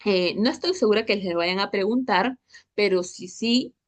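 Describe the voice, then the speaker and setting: Young female tutor, chatty, keeps asking "ok?", mid pitch. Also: normal speed. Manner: chatty, checks in with constant "¿ok?" and "¿listo?". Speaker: histology tutor. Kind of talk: online class lecture.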